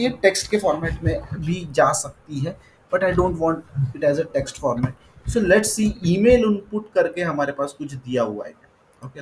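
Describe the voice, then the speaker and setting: A man's voice: fairly high pitch, darkish tone, slight background noise, low-quality recording. A man teaching a coding tutorial, mixing Hindi and English, saying "okay" often and spelling words out letter by letter. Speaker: coding instructor. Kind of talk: screen-recorded coding tutorial.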